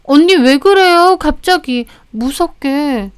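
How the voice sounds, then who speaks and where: A woman voicing a bratty, sharp-tongued young sister-in-law who whines and shrieks. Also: sits high, lively intonation, a little fast, dry recording, studio quality, faint music behind, voice pushed up. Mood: indignant.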